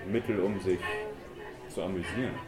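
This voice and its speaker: A man's voice: low-pitched, moderate pace, natural voice. A man voicing a sly stranger who pries at a fellow guest over drinks. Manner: sly, insinuating. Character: probing man at a ship's bar, sly and smooth. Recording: echoey room with clear music behind.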